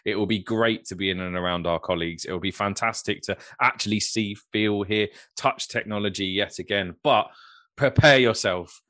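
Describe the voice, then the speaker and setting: A man's voice: on the low side, normal speed, bright, forceful tone, dry recording, studio quality. A man hosting a podcast, upbeat and effusive as he wraps up the episode. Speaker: podcast host. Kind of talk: casual podcast chat.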